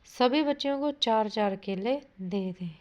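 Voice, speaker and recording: Her voice a little high and her pace measured, a woman leads an exam-prep grammar class, reading sentences aloud and asking what words mean before correcting them. She addresses her listeners as "bhai", and the recording sounds dull and lo-fi.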